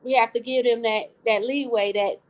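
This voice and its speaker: A woman's voice: fairly high pitch, fairly even intonation, normal speed, poor audio. A woman co-hosting a live online talk show, speaking earnestly and repeating phrases for emphasis. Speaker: co-host. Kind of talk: casual live-stream talk.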